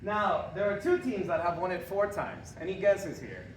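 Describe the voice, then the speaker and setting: Speaking at a moderate pace in a high voice, a young man from Honduras gives a lively, joking presentation, quizzing the live audience and laughing at his own gags. The sound comes from a far-off room mic in an echoey hall, with background noise.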